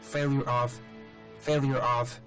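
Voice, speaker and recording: An actor playing a damaged, malfunctioning male combat robot in a video game, speaking in clipped, flat status reports that stutter on system errors. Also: medium pitch, slow pace, soft background music. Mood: reporting. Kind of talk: video game character dialogue.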